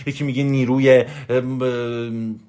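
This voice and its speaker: A man giving a motivational lecture as a success coach, forceful and emphatic, raising his voice and firing off lists. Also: medium pitch, level tone, a little hiss or hum. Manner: repetitive, rapid-fire lists.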